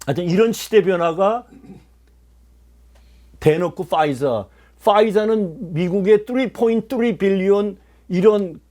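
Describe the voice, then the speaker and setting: A man's voice: sits high, mellow. A man giving a political lecture, speaking emphatically, putting questions to his listeners and mixing in English phrases. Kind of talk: political lecture to a small audience.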